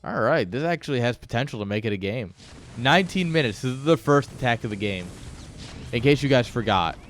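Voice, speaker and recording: A man's voice: mid-range voice, animated, a little fast, faint music behind. A man giving casual esports commentary with joking, sarcastic asides.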